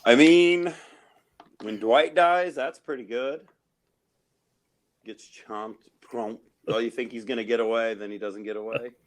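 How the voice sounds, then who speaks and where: A joking man on a casual movie podcast who swears and grumbles for effect. His voice has a middling pitch for a man. His talk is loose and offhand. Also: unhurried, long pauses. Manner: joking and profane, mock-grumbling. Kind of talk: casual movie review chat.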